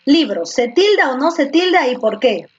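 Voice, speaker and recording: Give me a woman teacher with a high voice, patiently quizzing students over a slightly dull computer microphone. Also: very animated, normal speed. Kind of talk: online class lesson. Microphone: computer microphone in a video class. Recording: slightly muffled lo-fi audio.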